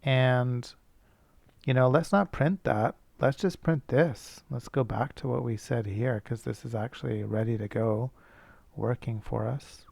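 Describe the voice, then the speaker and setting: A man's voice: medium pitch, measured pace, gravelly, a little mellow, no echo. A male teacher thinking aloud as he works through a coding problem, casual and self-correcting. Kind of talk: screencast coding lesson.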